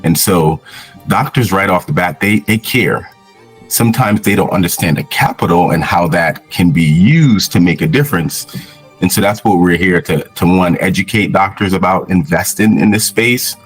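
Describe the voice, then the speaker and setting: A man from Jamaica, a physician guest on a podcast, telling his story earnestly with many pauses and fillers. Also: deep voice, breathy edge, soft background music. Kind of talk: casual interview.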